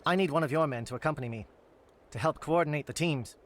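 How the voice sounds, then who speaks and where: An actor voicing a calm, grave alien captain in video game dialogue, precise and matter-of-fact. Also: male voice, on the high side, quick pace, slight background noise, lightly acted. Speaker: Salarian captain planning an assault.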